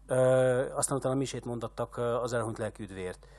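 A man's voice: medium pitch, a little mellow, dry recording. A man giving a literature lecture, hesitant and full of filler sounds.

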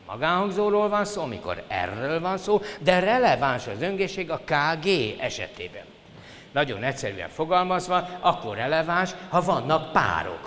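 A man's voice: mid-range voice, fairly bright tone. An older man giving a formal university lecture, addressing the students politely and stressing his points with emphasis. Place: lecture hall. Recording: reverberant hall, faint hiss.

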